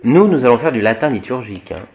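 A man's voice: medium pitch, lively intonation. Dull-sounding man teaching Latin aloud. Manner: slow explanatory, tags sentences with "hein" and "voyez", frequent restarts; spells out Latin words slowly, chanting declensions. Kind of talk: classroom lecture, reading from a textbook and commenting. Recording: dull lo-fi recording.

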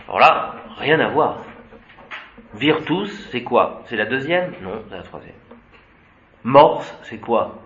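A man's voice: mid-range voice, big pitch swings, takes it slowly, long pauses, fairly bright tone, slight background noise. A man teaching a Latin class, reciting declensions methodically and adding short asides. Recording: dull, roomy classroom recording.

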